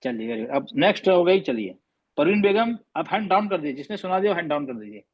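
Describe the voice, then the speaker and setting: A man teaching Quran recitation in an online class, patiently correcting students and slowly demonstrating sounds. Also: on the high side, big pitch swings, husky, lo-fi sound. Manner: patient, slow demonstrating drills.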